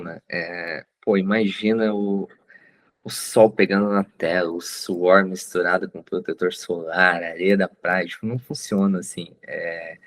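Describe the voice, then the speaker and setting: A Brazilian man with a Brazilian Portuguese accent and a lowish voice, talking casually as a guest in an interview. He speaks loosely and with lots of slang, stacking fillers and restarting his sentences as he goes. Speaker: guest author. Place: abroad at home, on a remote call.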